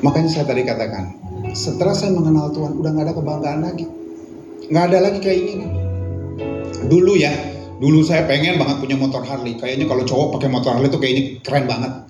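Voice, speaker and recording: A middle-aged male pastor preaching a sermon, swinging between loud, fervent appeals and quiet reflection. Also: on the high side, quick pace. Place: prayer meeting hall. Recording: echoey hall with music behind.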